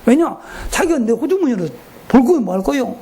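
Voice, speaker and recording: A man's voice: very high-pitched, sing-song, a little fast, warm tone, breathy edge. A middle-aged male pastor giving a folksy, joking retreat sermon and asking the congregation questions.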